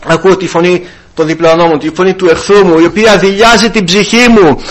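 A man preaching an evangelical sermon, calling out to his brothers and swinging his voice up and down for emphasis. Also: steady tone. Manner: repeatedly addresses "brothers", rises and drops in pitch for emphasis.

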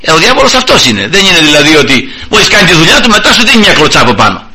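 Emphatic, bright-voiced male preacher. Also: fairly high pitch, very animated, poor audio. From Greece. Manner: emphatic preaching, rising to shouts. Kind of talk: sermon.

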